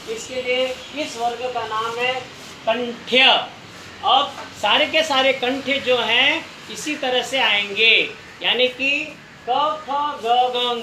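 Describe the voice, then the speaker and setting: A man's voice: extremely high pitch, pushed and bright. A man teaching a recorded language lesson, patiently repeating each sound for listeners to try. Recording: echoey room, faint background noise.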